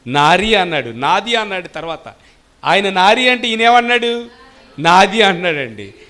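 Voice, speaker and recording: A man's voice: sits high, big pitch swings, measured pace, pushed and bright. A man preaching a sermon as pastor, constantly asking questions of the congregation and answering them himself. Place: church service.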